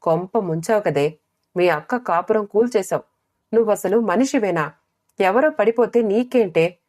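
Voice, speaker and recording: A woman voicing a worried middle-aged mother who scolds her daughters, shrill when angry. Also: normal speed, lightly acted. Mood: scolding.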